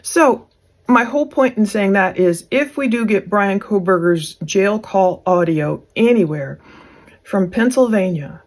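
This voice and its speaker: A woman's voice: medium pitch, animated, a little slow. A woman giving casual, conversational commentary on case documents, with speculative asides, as a true crime commentator.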